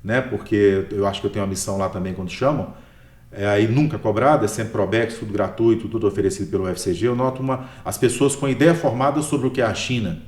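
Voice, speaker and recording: His voice is fairly low and a little mellow, and he talks fast. He's a history professor with a Brazilian Portuguese accent, casually explaining his work in an interview and closing most sentences with a questioning "né?", all recorded with a roomy echo.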